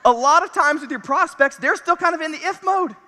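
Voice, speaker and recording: High, bright-voiced man pumping up a hall. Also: brisk. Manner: energetic, punchy, repeats key phrases, laughs between points. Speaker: convention speaker. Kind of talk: motivational stage talk. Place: large convention hall. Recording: reverberant convention hall.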